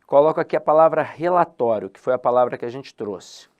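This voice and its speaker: A Brazilian man teaching an exam-prep grammar class in a lively way. He draws out important words slowly and loudly and poses questions to himself before answering them. His voice sits at an ordinary middle pitch. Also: dull audio. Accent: Brazilian Portuguese. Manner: lively, drawn-out emphasis on key words, asks and answers his own questions. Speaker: Portuguese language teacher. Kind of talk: exam-prep video lesson.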